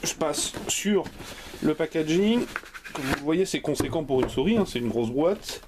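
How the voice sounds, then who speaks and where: A man's voice: fairly high pitch, moderate pace, noisy background. A man hosting a hardware video channel, chatting jokily and casually as he unboxes a product live. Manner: jokey, lively, chatty. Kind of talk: unscripted unboxing commentary.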